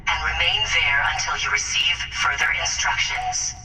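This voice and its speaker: A man's voice: fairly high pitch, moderate pace, sharp tone, slight background noise. A man playing a formal ship announcer making a scripted emergency announcement over an intercom in a video game. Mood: formal, measured. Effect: intercom, ship public-address system. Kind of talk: scripted public-address announcement. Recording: echoey distant intercom with long reverb, music behind.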